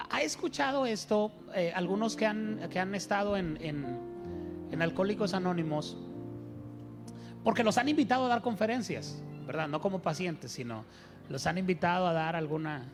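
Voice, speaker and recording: A man preaching a sermon as pastor, telling stories and asking his congregation rhetorical questions. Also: sits high.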